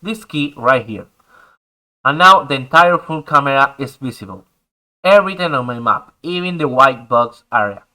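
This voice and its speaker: Speaking English as a second language after Spanish, a young man hosts a screen-recorded tutorial on a game map editor, guiding viewers patiently through each step. His mid-range voice is bright, forceful and expressive at a moderate pace, though the recording quality is low.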